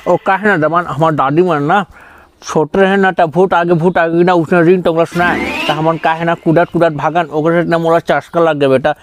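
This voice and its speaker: A man's voice: fairly high pitch, steady tone, moderate pace. A man with a Chhattisgarhi accent, acting in a comedy sketch and telling a boastful story. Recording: noisy background.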